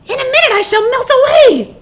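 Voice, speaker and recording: A woman voicing a wicked, cunning old witch in a storybook, with a shrill, wailing, dramatic delivery. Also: sing-song, moderate pace, fairly bright tone. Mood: screaming despair. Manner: dramatic, taunting. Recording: noisy recording with low rumble.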